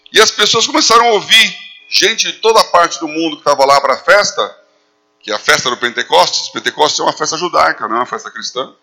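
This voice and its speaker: Bright, lively preacher man. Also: on the high side. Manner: animated preaching with acted quotes. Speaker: pastor. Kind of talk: sermon.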